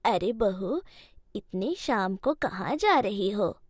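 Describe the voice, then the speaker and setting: A woman voicing a stern but caring old mother-in-law in a cartoon story, talking slowly as she scolds and soothes. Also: medium pitch, animated, no room sound, clean studio sound, voice pushed down. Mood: stern, gentle. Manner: slow, scolding, then soothing.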